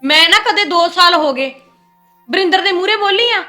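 A woman's voice: very high voice, normal speed, sharp tone, soft background music. A woman playing a stern elder sister-in-law in a family short film, lecturing and scolding the younger wife.

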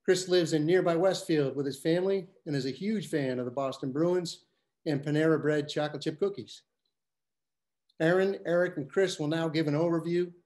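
A man's voice: fairly high pitch, darkish tone. A man hosting an online event, reading formal introductions of the panelists.

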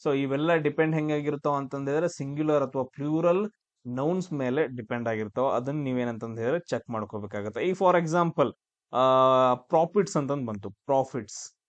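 A man's voice: mid-range voice, moderate pace, no room sound. Male teacher, repeats and quizzes himself, dry dull recording. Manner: repetitive, asks and answers his own questions. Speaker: exam coaching teacher. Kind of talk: classroom-style grammar lesson.

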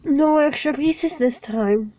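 A woman with a sniffly cold, calmly narrating each step of building a small toy set in a casual vlog. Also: high-pitched, takes it slowly, noisy background. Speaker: toy vlogger. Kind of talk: casual unboxing and building walkthrough.

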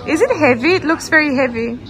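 Talking fast in a high, fairly bright voice, a young woman vlogs her shopping trip, chatting casually and gushing with enthusiasm. This fashion vlogger is inside a large department store and boutiques. Some chatter, busy store noise, and music sit in the background.

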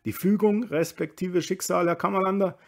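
A man's voice: sits high, steady tone, moderate pace, vocal fry, pitched above the performer's own voice. A man voicing a pompous older male townsman, lecturing in a raised voice.

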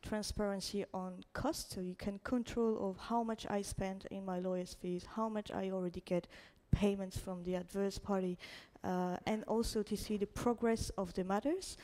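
A young woman presents her startup at a tech meetup, speaking into a headset microphone. Her voice is mellow and mid-pitched, and she pauses often with fillers. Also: fairly even intonation. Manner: hesitant, many fillers. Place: stage in front of a projected slide.

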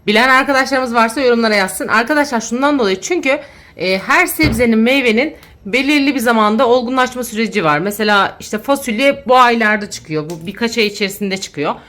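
A woman's voice: a little high, a little fast, a bit bright. A woman in her thirties, a mother vlogging from her home kitchen, chatting to viewers and playfully scolding her children. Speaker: mother and channel host. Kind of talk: casual family vlog, talking to viewers.

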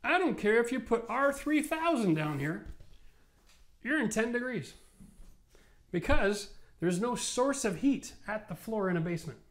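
A tired man in his forties from Canada, explaining basement renovation at a whiteboard in an emphatic, animated way. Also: extremely high pitch, unhurried. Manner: animated, emphatic, rising to passionate rants. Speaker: renovation expert host. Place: studio set with whiteboard, indoors. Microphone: lapel mic.

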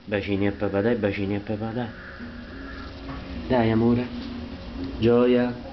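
A man's voice: on the low side, little pitch movement, measured pace, noisy background. A man at home talking affectionately to his dog in cooing baby talk. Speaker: dog owner. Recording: dull lo-fi home recording with music behind.

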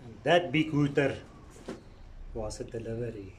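A man's voice: medium pitch, unhurried, slight background noise. A man in his fifties talking casually to the camera while building something at home. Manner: relaxed, talks to himself while working. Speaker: DIY vlogger. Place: garage and covered patio at home. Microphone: action camera, handheld and mounted.

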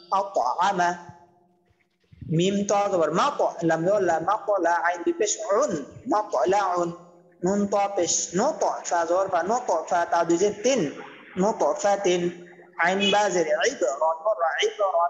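A man with a high voice leads a reading lesson. He spells out each letter and vowel sign slowly and then blends them into a word. His delivery is patient and repetitive, like a classroom drill. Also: in a large hall, lo-fi sound. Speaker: Quran recitation teacher.

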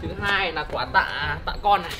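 A man's voice: fairly high pitch, moderate pace, over music. A young man, hosting a casual prank vlog and chatting upbeat straight to his viewers. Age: young adult. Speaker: vlogger host. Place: outdoor yard and indoor storeroom.

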